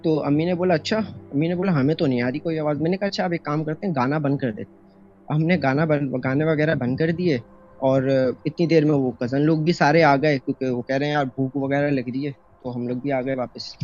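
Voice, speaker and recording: In a dull, lo-fi phone voice note with faint music, a young Pakistani storyteller describes a personal horror encounter. His voice is a little high, steady, and darkish, and he talks fairly quickly, rambling with fillers and restarts.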